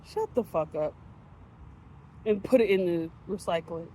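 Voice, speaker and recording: A woman's voice: fairly low pitch, a little slow, warm tone, a little hiss or hum, low-quality recording. Frank, profane woman chatting while eating. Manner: frank, profane and laughing rant. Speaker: vlogger. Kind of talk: casual chat to camera while eating.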